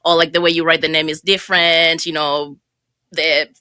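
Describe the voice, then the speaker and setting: A woman's voice: deep voice, little pitch movement, normal speed, bright, forceful tone, no room sound. A woman in her thirties, from Burundi and raised in Kenya, telling her story as a podcast guest in a chatty way, laughing easily. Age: 30s. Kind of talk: casual interview.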